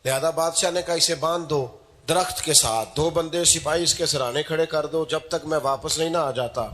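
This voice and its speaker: A man preaching an emotional sermon, moving between soft storytelling and loud, fervent climaxes. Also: on the high side, steady tone, a little hiss or hum.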